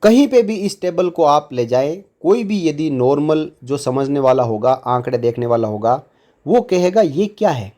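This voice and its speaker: A man's voice: a little high, lively intonation, normal speed, mellow. A man explaining pension tables to viewers, reading figures off a table in an indignant tone. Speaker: news commentator.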